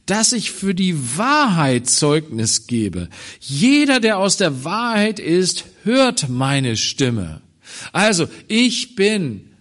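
A man preaching a sermon on a Bible passage, swinging from loud emphatic phrases to quiet low ones. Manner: slow, deliberate delivery.

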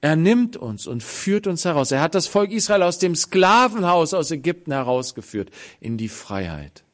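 A man preaching a sermon, telling stories dramatically with sudden swings between loud and soft and acting out the voices of the people in them. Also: on the high side, big pitch swings, moderate pace. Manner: acts out the voices of people in the story.

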